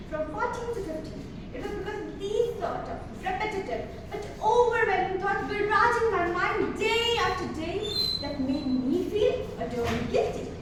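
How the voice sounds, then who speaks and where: A teenage girl delivers a rehearsed motivational competition speech with theatrical emphasis and dramatic pauses. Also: very high-pitched. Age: teens. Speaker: student declamation contestant. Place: large echoey indoor hall. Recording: very echoey hall, distant mic, noisy.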